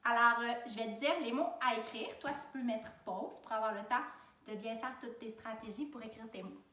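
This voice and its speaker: A woman's voice: on the high side, normal speed, sharp tone, far from the mic. A woman with a Québécois French accent teaching children to spell, patient and step by step, speaking straight to the child. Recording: roomy sound from away from the mic.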